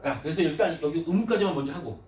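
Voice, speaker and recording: A man's voice: on the high side, expressive, fast, a little mellow. A man teaching a grammar class, often checking in with his students through short questions and moving between polite and casual speech. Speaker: Korean language teacher. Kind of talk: classroom lecture. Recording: echoey room, mic at a distance, faint noise.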